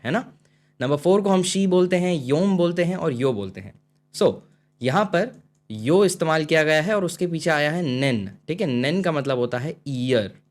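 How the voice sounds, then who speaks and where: Man teaching a language lesson. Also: fairly high pitch. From India. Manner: explains step by step with frequent "theek hai?" checks. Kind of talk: online lesson in Hindi-English mix.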